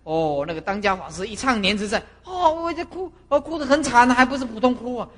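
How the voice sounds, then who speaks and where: A middle-aged woman, a Buddhist master lecturing monastic students and telling stories with lively acted-out scenes. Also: fairly high pitch, fairly quick. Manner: animated storyteller who acts out scenes. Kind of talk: doctrinal lecture with personal stories. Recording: reverberant lecture hall.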